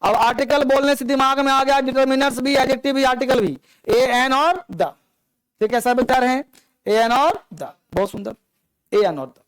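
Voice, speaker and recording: A man with an extremely high, clear, resonant voice teaches English grammar at normal speed, repeating points and asking his students questions in a coaxing way. The recording is rough but has no room sound.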